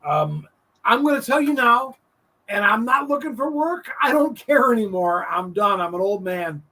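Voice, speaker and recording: A man in his late fifties hosts a casual online talk show, gushing with heartfelt thanks and circling back over his words. His voice is bright and swings widely in pitch. He sits a little away from the mic, so it sounds distant. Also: lively intonation, moderate pace. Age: 50s. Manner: effusive, heartfelt, repeats himself. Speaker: show host. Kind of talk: emotional casual chat.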